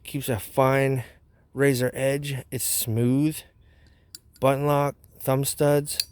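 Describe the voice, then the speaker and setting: A man's voice: mid-range voice, little pitch movement, very slow, clean tone, no echo. A man hosting a casual product review vlog outdoors, talking with a wad of chewing tobacco dip in his mouth. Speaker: knife review channel host.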